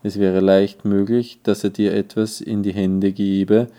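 A man's voice: lowish voice, level tone, a little slow, dark tone, clean tone. A man reading the part of a cunning royal vizier who speaks in an insinuating, persuasive way. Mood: scheming. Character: scheming male vizier, cunning royal adviser.

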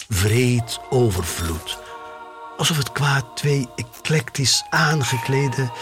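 In a slow, dramatic radio-drama monologue, an actor voices a wistful man from the future who is obsessed with sneakers and recounts his story. His pitch is medium and his mood is brooding.

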